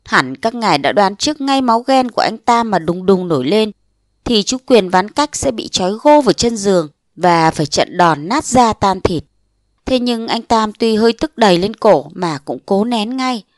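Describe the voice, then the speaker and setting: A woman reads a short story aloud, narrating briskly and throwing herself into the dialogue. Her voice sits at an ordinary middle pitch. The recording is close and dry, with no room sound. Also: dry recording. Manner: lively storytelling, acting out dialogue in changed voices. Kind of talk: audiobook reading of a short story.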